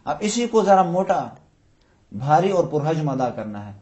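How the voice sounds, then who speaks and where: Patient male Quran teacher, slightly high voice. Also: very animated, dark tone. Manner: patient, poses questions then answers them; slowly draws out example words to demonstrate. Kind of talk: tajweed lesson for children.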